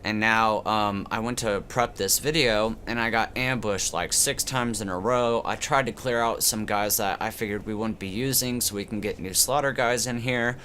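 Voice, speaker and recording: A man's voice: lowish voice, normal speed, hardly any pauses, sharp tone, a little hiss or hum. A man with a stuffy, congested voice from a cold, like he is talking through a tube, rambling casually as he hosts his gaming channel. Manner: rambling, loose, with many fillers and restarts. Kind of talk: casual gameplay commentary.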